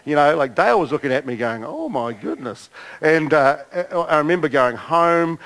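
A middle-aged pastor preaches to his congregation, and his voice sits a little higher than most men's. He tells stories with a lively, self-mocking humor and jumps into the voices of the people in them. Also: normal speed, clear, resonant tone, low-quality recording. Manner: animated storytelling, acting out quoted voices, self-mocking humor. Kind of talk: storytelling sermon. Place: church service before a congregation.

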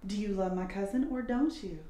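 A woman's voice: medium pitch, fairly quick, warm tone, close to an everyday voice. A woman acting a bold, scheming young woman in a comedy sketch, sly and commanding. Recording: echoey room with clear background noise.

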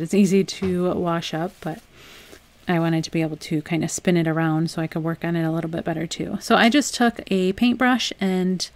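A young adult woman hosting a home crafts channel, talking through a project in a relaxed, chatty voice-over with frequent "um"s. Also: lowish voice. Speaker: DIY crafts channel host. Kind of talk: casual voice-over tutorial.

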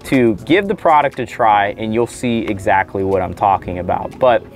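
A man's voice: fairly low pitch, moderate pace. A man in his thirties, the channel host, casually explaining a boat install outdoors to his viewers. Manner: upbeat, relaxed explaining to viewers. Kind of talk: casual how-to vlog. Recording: faint music underneath.

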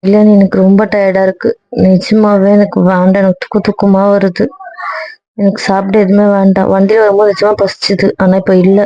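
A woman's voice: medium pitch, flat delivery, fairly quick, no room sound, muffled recording. Weary, sulky woman with a mid voice. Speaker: voice actor in an audio drama. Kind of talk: Tamil audio drama acting.

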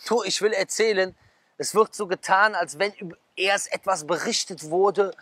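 A man in his thirties, a preacher, chats casually at a garden table outside, reading magazine headlines before erupting into quick asides with gestures and rhetorical questions for the audience. The voice is high for a man, pushed and bright, and the clip-on mic recording is close and dry.

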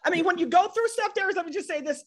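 A woman's voice: extremely high pitch, racing, a loud crowd. A woman hosting a gospel interview, talking casually and answering with amens and hallelujahs. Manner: warm affirming interjections, says amen and hallelujah. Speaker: interview host, radio personality.

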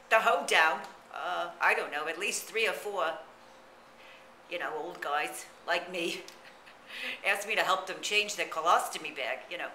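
A man playing a gossipy old woman in a retirement home, chatty and rambling, with a drawn-out, wobbly voice. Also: high-pitched, bright, forceful tone, slight background noise, heavily acted. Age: older. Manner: chatty, rambling, full of "you know" and cackling asides. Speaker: comic character monologue. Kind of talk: character comedy monologue to camera. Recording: roomy echo.

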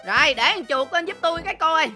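Young woman gamer, high voice, talks super fast, bossy and yelling at times. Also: animated, music in the background. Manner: bossy, scolding, bursts into shouts. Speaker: gaming channel co-host playing the shop owner. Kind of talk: playful gameplay banter.

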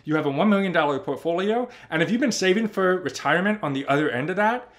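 Thirtysomething guy hyping up a spreadsheet, animated and pushy, voice a bit on the high side, home office. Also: fast. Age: 30s. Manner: animated, emphatic, talks straight to viewer. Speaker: personal finance YouTuber. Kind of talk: energetic explainer over spreadsheet.

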